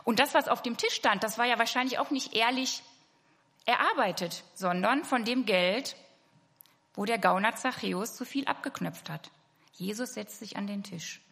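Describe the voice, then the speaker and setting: A woman's voice: fairly high pitch, moderate pace, creaky, fairly bright tone. A woman preaching a sermon to her congregation, earnest and speaking to them directly. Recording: hall reverb.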